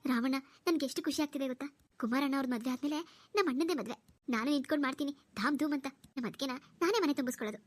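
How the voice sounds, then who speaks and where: A woman's voice: sits high, very fast, lightly acted. A woman voicing an earnest young village sister. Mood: eager. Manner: emotional, earnest, pleading. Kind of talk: Kannada cartoon dubbing.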